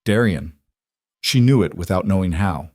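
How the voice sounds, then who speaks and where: A man reading a dramatic fantasy story as scripted narration, in a measured, dramatic way. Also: deep voice, lively intonation, a little mellow, no room sound, clean studio sound.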